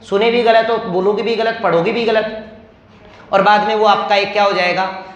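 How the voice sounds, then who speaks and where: A man's voice: high voice, fairly even intonation, normal speed, echoey room, dull audio. A male teacher giving a classroom lecture, asking questions and answering them himself.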